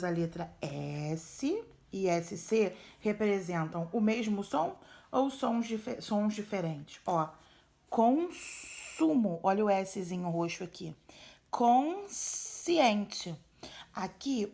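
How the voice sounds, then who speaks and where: A woman's voice: mid-range voice, creaky, darkish tone. A woman schoolteacher with a Brazilian accent patiently walks young pupils through workbook exercises, checking in often. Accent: Brazilian Portuguese. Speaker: primary school teacher. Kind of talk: recorded remote lesson walkthrough.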